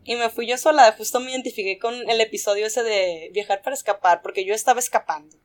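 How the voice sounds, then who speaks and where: Young adult woman, Mexican accent, casual guest on a chat show, slangy and quick to laugh, somewhat high pitch. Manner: animated storyteller, laughs often, slangy.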